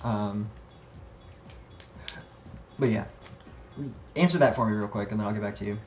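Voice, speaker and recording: Rambling, profane gaming streamer. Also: male voice, lowish voice, normal speed, echoey room, over music. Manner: rambling, profane, lots of fillers. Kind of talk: casual gaming commentary.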